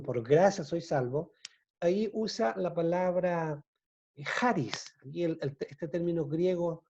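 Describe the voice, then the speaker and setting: A man giving an informal Bible study talk, explaining terms slowly and checking in with his listeners. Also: fairly high pitch, warm tone, dull audio. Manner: slow, explanatory, often asks "¿ya?". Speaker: Bible teacher.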